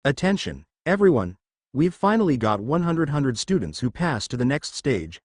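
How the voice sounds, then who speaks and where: Guy doing a stern announcer giving orders, lively pitch. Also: moderate pace, no echo, studio quality. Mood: formal. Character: stern adult exam announcer.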